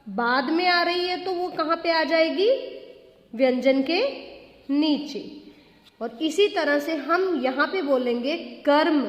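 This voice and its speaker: Slow, high-voiced woman teacher in an echoey room. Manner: slow, patient explaining with repeated questions to students; mixes English phrases into Hindi. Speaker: school teacher. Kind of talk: classroom grammar lesson. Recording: echoey room with long reverb.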